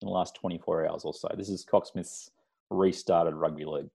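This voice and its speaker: A man's voice: low-pitched, steady tone, a little fast, vocal fry, dark tone, husky. A man with an Australian accent hosting a casual sports podcast in a bantering, teasing way. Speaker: podcast host. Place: large echoey room at home.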